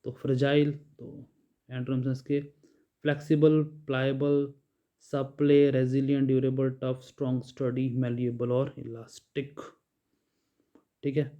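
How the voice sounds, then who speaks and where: A man with a medium-pitched, dark voice teaches a bilingual vocabulary lesson in a flat, measured way, reading word lists and explaining each in Hindi while often saying "ठीक है". The recording sounds dull and lo-fi.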